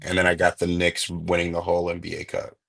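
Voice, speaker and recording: Sports host, a man with a lowish voice, relaxed, tosses questions to his partner. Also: fast, gravelly. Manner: laid-back, quizzes his co-host. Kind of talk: casual sports talk.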